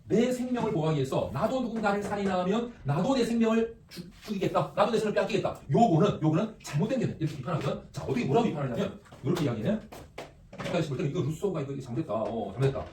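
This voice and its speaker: A man teaching an ethics class, lively, repeating phrases and quizzing his students. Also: high voice. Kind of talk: classroom lecture with questions to students. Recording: echoey room, distant mic, faint noise.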